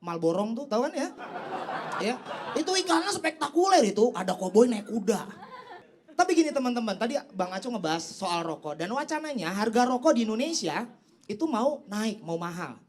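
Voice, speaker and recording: Lively slang young man doing stand-up. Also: a little fast. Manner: animated, teasing the crowd, big jumps in pitch for punchlines. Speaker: stand-up comedian. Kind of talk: stand-up comedy set. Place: comedy stage before a live audience. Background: audience laughter and applause.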